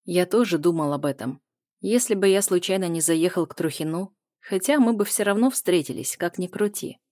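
A woman voicing a brooding, possessive man who speaks calmly and steadily in an audiobook. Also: lowish voice, moderate pace, no echo, clean studio sound, close to an everyday voice. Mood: insistent. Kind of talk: audiobook character voice.

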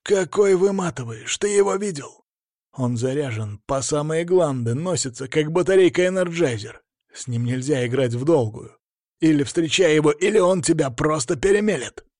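Man voicing a loud hot-tempered boxing coach. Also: a little high, expressive, normal speed, no room sound, clean studio sound, pitched above the performer's own voice. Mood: urgent scolding. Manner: shouting, pushy, exasperated.

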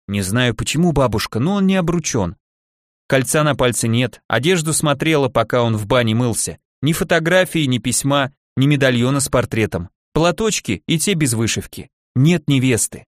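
An eager seventeen-year-old village girl from a storybook, voiced by a male reader, pleads earnestly and breathlessly. The voice is lifted and lively in pitch. It is recorded dry and close. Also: moderate pace, no echo, close to an everyday voice. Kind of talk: audiobook character voice.

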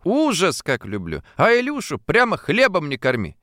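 Man doing a young factory girl, audiobook, sharp-tongued, mocking, high voice, lively swings. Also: moderate pace, dry recording, studio quality. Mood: teasing. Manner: scolding, mocking, teasing. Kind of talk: audiobook character voice.

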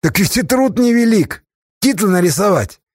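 A man's voice: high-pitched, big pitch swings, moderate pace, a little mellow, dry recording, studio quality, voice pushed up. A man voicing a bold, stubborn young man who presses and challenges an older elder. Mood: pressing. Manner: pressing, defiant.

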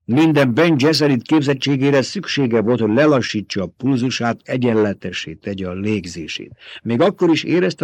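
Expressive man reading a novel. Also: mid-range voice, husky, dry recording. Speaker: audiobook narrator. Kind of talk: audiobook narration.

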